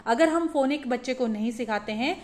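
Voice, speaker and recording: A woman teaching a phonics lesson for parents, demonstrating each letter sound slowly. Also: high voice, a little mellow.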